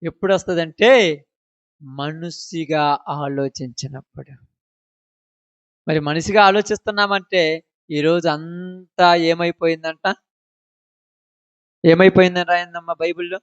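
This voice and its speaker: High-voiced impassioned male preacher. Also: steady tone, a little slow, pauses often, smooth, dry recording. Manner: impassioned, swinging between loud declarations and low asides; rhetorical questions to the congregation. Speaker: pastor. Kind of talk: sermon. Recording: dull, dry lo-fi recording.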